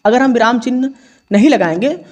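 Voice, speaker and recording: A man's voice: very high voice, animated, brisk, a little mellow. A male teacher solving an exam paper in a lesson, explaining step by step with many repetitions and self-corrections.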